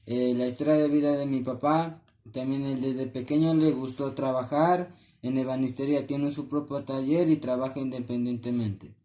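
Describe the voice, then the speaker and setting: A man reads his school assignment aloud in a mellow, rather dark voice. He stumbles often, breaking off and restarting words as he goes. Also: medium pitch, fairly even intonation. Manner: halting, with restarts and repeated words. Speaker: student sending a class assignment.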